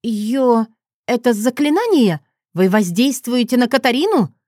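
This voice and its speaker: A woman voicing a defiant young heroine, an older sister who answers with sharp, indignant retorts. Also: on the high side, lively intonation, measured pace, dry recording, studio quality, voice pushed up. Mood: alarmed.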